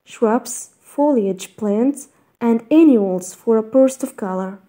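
A woman reading a scripted voice-over in a measured, even list-reading way, narrating step-by-step tips. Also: fairly high pitch. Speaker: narrator of a garden design slideshow.

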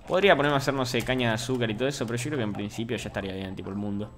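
A young Argentine man talks over his gaming stream at a middling pitch, bantering and teasing his viewers. He drifts between mumbled asides and sudden loud outbursts, with faint keyboard typing behind him. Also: racing, a little hiss or hum. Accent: Argentine Spanish. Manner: joking, banters with chat, swings between mumbling and shouting. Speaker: Minecraft streamer. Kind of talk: casual gaming stream chat.

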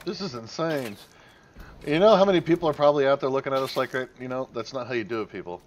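A man's voice: mid-range voice, quick pace, crowd noise. A man hosting a multiplayer let's play, joking with friends and talking to the game as he plays. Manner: playful, joking, yells at the game. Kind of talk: casual multiplayer gameplay chat.

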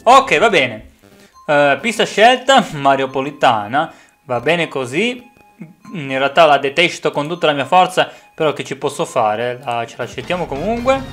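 Excitable Italian-speaking gamer, lively pitch. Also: male voice, normal speed, faint music behind. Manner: excitable, swings from mutters to yelling. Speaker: gaming streamer. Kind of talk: live gameplay commentary.

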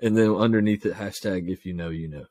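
Guy cohosting a podcast, excited folksy chatter, kinda low voice. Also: fast. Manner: enthusiastic, folksy. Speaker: podcast co-host. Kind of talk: casual chat.

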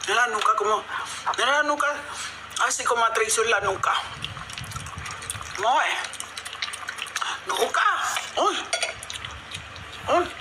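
A woman's voice: a little high, slow pace, long pauses. Andalusian woman chatting while chewing. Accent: Andalusian Spanish. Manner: chewing while talking, eating spaghetti. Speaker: livestream host. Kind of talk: casual livestream chat. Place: home dining area, indoors. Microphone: phone at arm's length. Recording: clearly noisy phone livestream.

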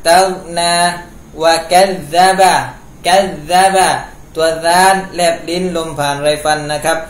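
A man's voice: on the high side, fairly even intonation, a little slow. Man teaching Quran recitation. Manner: recites a phrase, then explains pronunciation rules patiently. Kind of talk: step-by-step recitation lesson. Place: room at home. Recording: echoey room with faint noise.

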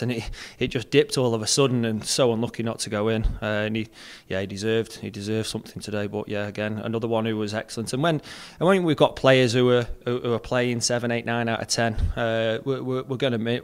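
A young man with a clear, resonant, mid-range voice, captain of a football club, speaks after a match into a handheld mic held close. He stands indoors before a sponsor backdrop, talking in a plain, measured way and repeating words as he thinks.

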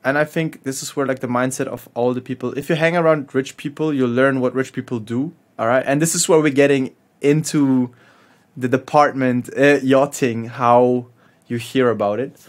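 A man's voice: mid-range voice, steady tone, moderate pace. A man from Hamburg speaks, a chef in his thirties recounting his travels on a podcast. He talks in loose, slangy bursts, laughs through his stories, and swears without a second thought. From Hamburg, Germany. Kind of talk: casual storytelling.

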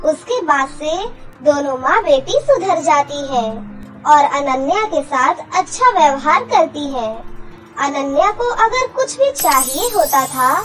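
A woman narrating a children's cartoon story in a measured storybook manner. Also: high-pitched, animated, over music.

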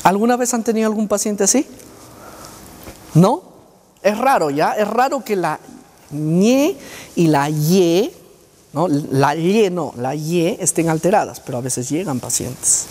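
A man's voice: sits high, expressive, unhurried, long pauses, a little mellow. A man, a speech therapist, lecturing to students, questioning the audience and sounding out speech sounds as examples. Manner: quizzes the audience and demonstrates speech sounds aloud. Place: university lecture hall. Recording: reverberant lecture hall.

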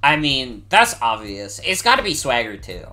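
Animated, bright-voiced game streamer of ambiguous gender. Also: medium pitch, normal speed. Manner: animated, exclamatory, casual swearing. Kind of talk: casual live-stream chat and game commentary.

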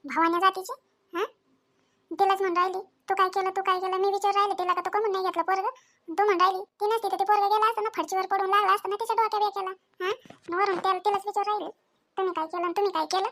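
A woman voicing a sharp village mother-in-law who scolds and keeps demanding answers. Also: extremely high pitch, steady tone, very fast. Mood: scolding.

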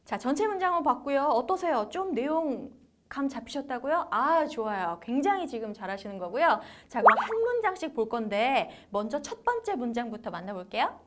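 A woman's voice: high-pitched, sing-song, normal speed, over music. A young woman teaching beginner Chinese in an encouraging way, acting out tones by sliding her voice up and down. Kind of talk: lively language lesson for beginners.

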